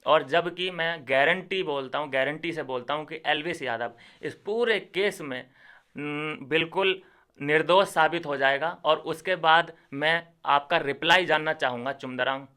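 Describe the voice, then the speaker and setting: A man's voice: a little high, a little slow, bright, forceful tone, smooth. A young man making a ranting commentary video, indignant and lecturing, with heavy sarcasm. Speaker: YouTuber.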